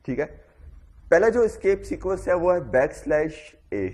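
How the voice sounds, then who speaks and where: A man's voice: high voice, expressive, darkish tone. A man teaching a programming class, explaining step by step and saying "okay" after nearly every phrase. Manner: repeats "theek hai" constantly, explains step by step. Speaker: programming instructor. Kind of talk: classroom coding lecture.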